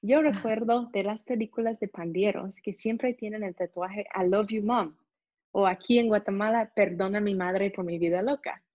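A young woman with an American accent and native English, telling a lively story as an interview guest and acting out the people in it. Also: mid-range voice, normal speed, dry recording. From United States. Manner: animated, acts out voices in her story. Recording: dull, muffled sound.

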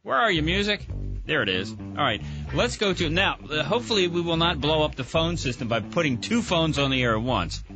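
A man's voice: fairly high pitch, big pitch swings, a little fast, over music. A man hosting a live radio show in the studio, joking easily and keeping the show moving. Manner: jokey, easygoing banter. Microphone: studio microphone.

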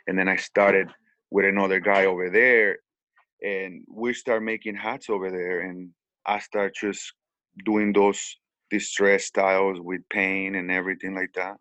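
A man's voice: deep voice, flat delivery, measured pace, sharp tone, dry recording, rough recording. A man from Mexico with a Mexican Spanish accent, speaking English as a second language, telling his story in an interview with many restarts and repeated words. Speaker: hat maker.

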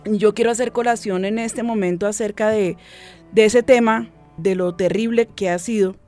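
A woman, a guest on a program, giving an earnest, reflective personal faith testimony and sometimes dropping to a soft voice. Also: medium pitch, steady tone, moderate pace, soft background music.

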